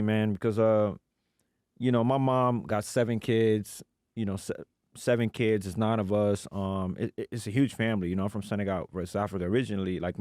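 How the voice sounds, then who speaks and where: Animated, slangy man telling his story. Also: fairly low pitch, no echo, studio quality. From United States. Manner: animated, slangy, acts out quoted people. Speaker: podcast guest. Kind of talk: casual podcast storytelling.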